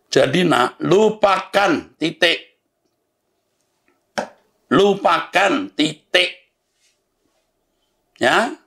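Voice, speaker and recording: A man's voice: medium pitch, creaky, breathy edge. A man, a pastor, answering listeners' letters in a blunt, scolding yet fatherly way.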